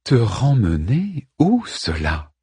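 A man voicing a tiny sexless pale green sprite who speaks in an amused, teasing, drawn-out way. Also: medium pitch, huge pitch swings, warm tone, breathy edge, no echo, exaggerated voice.

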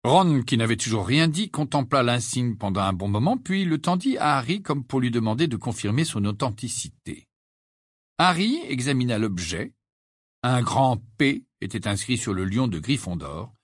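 A man narrates an audiobook with lively, dramatic swings in tone. His voice has a husky grain, recorded close on a studio mic with a dry sound. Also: mid-range voice, normal speed, no room sound. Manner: animated, dramatic storytelling. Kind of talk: expressive audiobook reading.

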